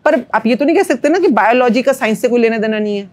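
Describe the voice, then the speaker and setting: A woman's voice: on the high side, animated, quick pace, darkish tone. A woman, a manifestation coach, speaking as a podcast guest and explaining ideas in an earnest, teacherly way with everyday analogies. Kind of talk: spiritual podcast conversation.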